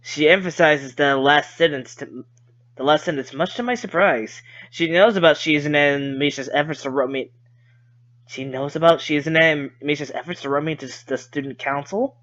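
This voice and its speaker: A man's voice: fairly high pitch, normal speed, a bit bright, lo-fi sound. Man casually reading a visual novel. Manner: conversational, swears at his own slips and rereads.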